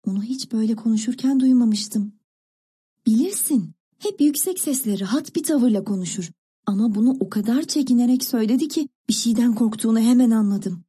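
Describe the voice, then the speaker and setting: A woman voicing a thoughtful teenage older sister who confides a secret in a musing, hushed way. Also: a little high, brisk, husky. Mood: confiding.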